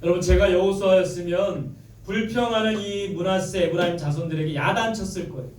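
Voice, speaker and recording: High-voiced man preaching in an echoey church. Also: a little fast, a little mellow, slight background noise. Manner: preaching with call-and-response, leading the congregation in repeating verses. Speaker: pastor. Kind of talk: sermon. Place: church sanctuary. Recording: echoey church, mic at a distance. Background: congregation answering amen.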